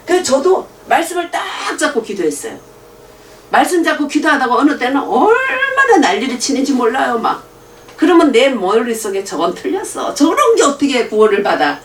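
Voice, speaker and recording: The recording carries a little hiss or hum and the echo of a room, with the speaker captured from a distance. She is a middle-aged woman with a slightly high voice and a moderate pace. Her animated storytelling sermon features frequent laughter and dialogue acted out in different voices.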